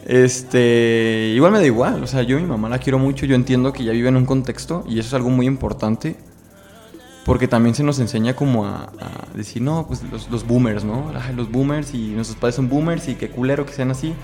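A young man with a Mexican accent recounts a personal story in an interview, speaking candidly and emotionally with plenty of casual slang. His voice sits at an ordinary middle pitch. Faint music plays underneath. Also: brisk, dark tone.

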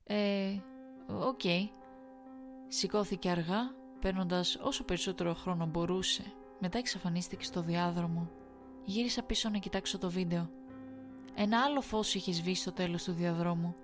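A woman's voice: on the low side, music in the background. Woman narrating a horror story. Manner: measured, suspenseful storytelling.

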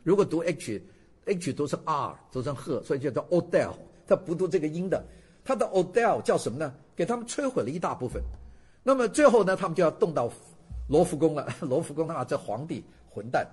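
An older male lecturer talks to a class with a husky voice, pitched a little high. His pitch swings widely as he tells stories and throws questions at the audience. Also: fast talker. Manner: animated storytelling, asks the audience questions. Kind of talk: casual lecture to students.

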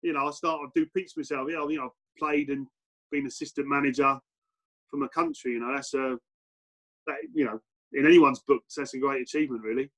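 This former English footballer turned coach, middle-aged and medium-pitched, talks briskly through an interview over poor audio. His answers are relaxed and thoughtful but full of fillers and false starts.

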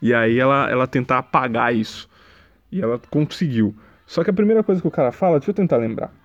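A man giving a sarcastic, rambling casual monologue, mocking what he saw online and breaking into loud exaggerated bursts. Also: mid-range voice, dull audio. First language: Portuguese. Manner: mimics a slow dazed voice when quoting.

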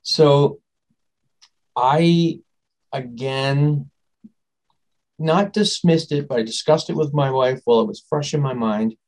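A man being interviewed as a guest, telling a personal story in a rambling, animated way and often trailing off and restarting. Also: mid-range voice, takes it slowly, long pauses, poor audio. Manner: animated, acts out quoted dialogue.

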